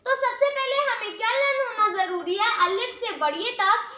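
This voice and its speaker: Very high bright woman teacher, echoey room. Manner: asks a question and answers it herself, repeating key sounds slowly; mixes English words into Hindi. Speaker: Urdu teacher. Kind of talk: spoken tutorial explaining Urdu script.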